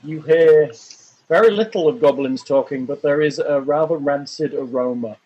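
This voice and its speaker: A man running a tabletop game as game master, calmly describing the caves and calling for dice rolls. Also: on the high side, moderate pace, breathy edge, highs cut off. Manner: calm, descriptive narration with restarts.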